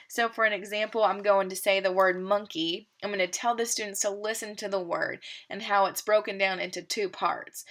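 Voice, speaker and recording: A woman teacher explaining a literacy lesson plan step by step, steady and methodical, with occasional fillers. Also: medium pitch.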